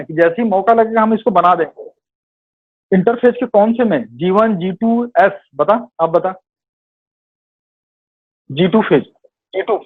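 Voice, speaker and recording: Man, biology teacher, live online class, Hindi-English code-mixing, high voice, phone-like audio. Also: husky. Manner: walks through quiz answers, corrects himself, calls students "beta".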